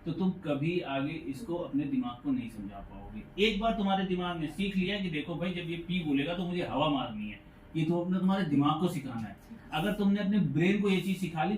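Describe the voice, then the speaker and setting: Man, pronunciation teacher, patient demonstrator, slightly raised pitch, roomy echo, distant mic. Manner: patient, repeats sounds slowly to demonstrate. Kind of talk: classroom pronunciation lesson. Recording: echoey room, mic far off, faint noise.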